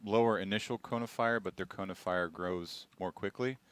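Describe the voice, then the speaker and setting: A man's voice: low voice, moderate pace, fairly bright tone, clear, resonant tone. A man casually explaining weapon design while playing on a livestream, laid-back and chuckling. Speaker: game developer.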